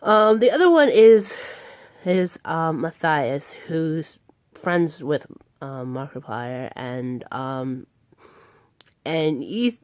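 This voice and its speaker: A woman's voice: deep voice, animated, very slow, darkish tone, no room sound. A young woman chatting casually to her viewers, recorded as a phone video, rambling with many ums and stunned exclamations. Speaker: vlogger. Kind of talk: casual vlog chat.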